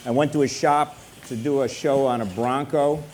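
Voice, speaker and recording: An older man moderating a panel discussion, relaxed and joking as he introduces guests. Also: medium pitch, unhurried, slight background noise. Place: forum room with an audience.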